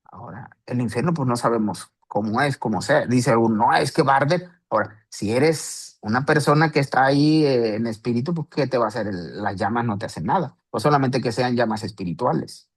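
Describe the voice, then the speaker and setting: Male Bible teacher, mid-pitched, casual explanatory delivery. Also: a little fast, breathy edge. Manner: conversational, with rhetorical questions and restarts. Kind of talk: Bible study talk.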